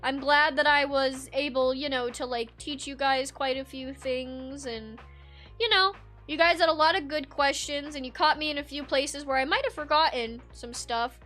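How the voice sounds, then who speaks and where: A woman's voice: high-pitched, moderate pace, faint music behind. A young woman streaming, chatting casually with viewers in a sleepy, rambling way with many restarts. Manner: laid-back, rambling with many restarts and soft laughs. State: sleepy, yawning. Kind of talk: casual live-stream chat reading viewer comments.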